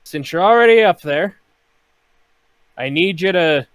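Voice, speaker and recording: A man voicing a stern pirate bosun who barks gruff orders at his deckhands in a tabletop game. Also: high-pitched, animated, measured pace, no echo, pitched above the performer's own voice. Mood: barking orders. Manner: loud, gruff commands.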